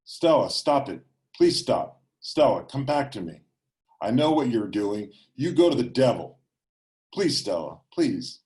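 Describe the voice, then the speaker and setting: A man voicing a gentle, saddened husband who pleads softly and reassures his wife. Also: on the low side, expressive, moderate pace, natural voice. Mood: pleading. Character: gentle pleading husband, sad but patient.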